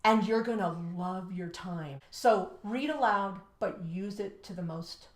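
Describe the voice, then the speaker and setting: An American teacher with a mid-range voice speaks at a measured pace in an echoey room. On the education show she co-hosts, she tells classroom stories with animation, performs the dialogue, and gives advice forcefully.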